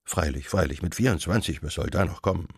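A man's voice: sits low, quick pace, gravelly, breathy edge, no room sound, heavily acted. A man reading an audiobook voices a weathered one-handed soldier, speaking in a dry, terse, wry manner. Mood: gentle.

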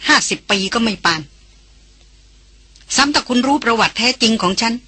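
A woman reading an audiobook, voicing a calm, worldly foreign woman who teases a younger man like an older sister. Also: fairly high pitch, moderate pace, husky, dry recording, voice pushed up, full character voice. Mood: knowing. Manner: gently mocking, older-sister tone.

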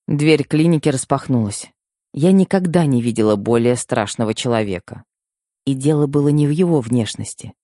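Audiobook narrator, emotional, first-person, dark tone, dry. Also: mid-range voice, dry recording.

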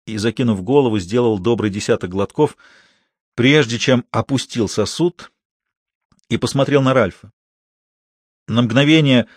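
A man reading a novel aloud as an audiobook narrator, steady and measured. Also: mid-range voice, breathy edge, dry recording, studio quality.

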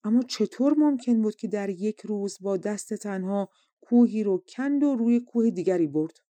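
Warm-voiced woman reading a folk tale. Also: mid-range voice, dry recording. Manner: steady, measured storytelling. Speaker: audiobook reader. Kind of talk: storybook narration.

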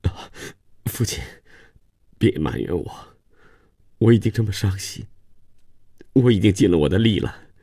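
Anxious young wife voiced by a man, pleading and quick, dry close reading. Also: deep voice, lively intonation, warm tone, breathy edge, no room sound, full character voice.

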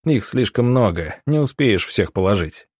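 An earnest, determined country doctor, as a man plays him in a spoken story. He talks urgently and pleads with his companion. The voice is fairly low and recorded dry and close. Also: lively intonation, moderate pace, darkish tone, husky, no echo. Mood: tense.

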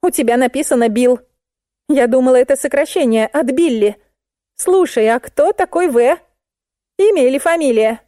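A woman voicing a plump, excitable female fitness client who squeals and shrieks when alarmed, in an audiobook. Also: high voice, normal speed, no echo, studio quality, voice pushed up, natural voice. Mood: chatty. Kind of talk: audiobook character voice.

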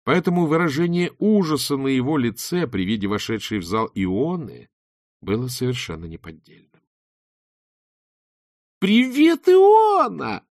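A man's voice: medium pitch, normal speed, no echo, studio quality. A man narrating an audiobook expressively, acting out every character. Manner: expressive, theatrical. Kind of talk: audiobook reading with character voices.

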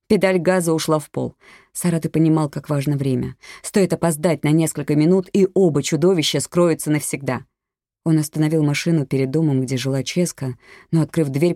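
An audiobook narrator reads a crime thriller in a measured, even way. The voice is mellow and dark, close to the mic in a dry booth with no reverb. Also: mid-range voice.

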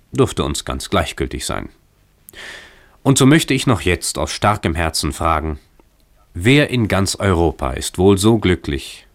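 A man's voice: low-pitched, dry recording. A man voicing a cheerful, playful young husband, speaking in an exuberant, mock-grand tone in a radio story reading.

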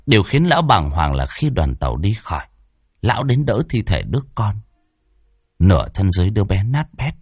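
A man's voice: lowish voice, a little mellow, breathy edge, no echo, studio quality. A man narrating a horror story in a dramatic, ominous way.

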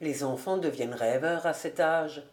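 A woman voicing a humble old male farmer who speaks softly, low and respectfully in an audiobook. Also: moderate pace, lightly acted. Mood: gentle.

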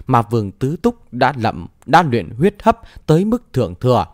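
A man voicing a cautious young martial hero who speaks in a hushed way. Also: medium pitch, huge pitch swings, normal speed, no echo, studio quality. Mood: wary.

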